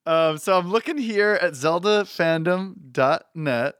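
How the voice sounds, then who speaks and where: Laid-back man with a slightly high voice. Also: expressive, fairly bright tone, clear, resonant tone, no echo, studio quality. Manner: joking, laid-back, quick asides. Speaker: podcast co-host. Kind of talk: casual podcast banter.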